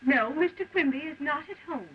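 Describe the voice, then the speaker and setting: High-voiced, prim old-movie housewife. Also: female voice, lively intonation, fairly quick. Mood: prim, unruffled. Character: prim, unruffled married lady of the house. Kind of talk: stagey early talkie film comedy acting. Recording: dull, noisy old 1920s film soundtrack.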